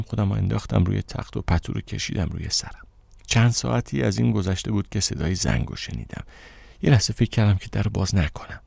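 Deep gravelly male audiobook narrator. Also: a little mellow, dry recording. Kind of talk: first-person audiobook narration.

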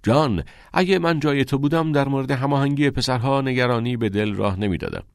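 A man's voice: mid-range voice, gravelly, no room sound, clean studio sound, pitched above the performer's own voice, natural voice. A man voicing a male schoolteacher with a sly, joking manner. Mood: wry. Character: male schoolteacher, wry and ironic.

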